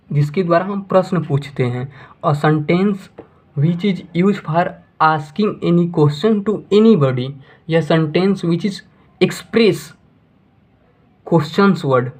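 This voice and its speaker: A man whose first language is Hindi, teaching beginner English grammar and repeating points, asking questions and then answering them himself. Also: a little high. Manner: repetitive, asks and answers his own questions; slows down to dictate English sentences. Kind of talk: classroom-style lesson for beginners. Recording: tinny phone-like audio.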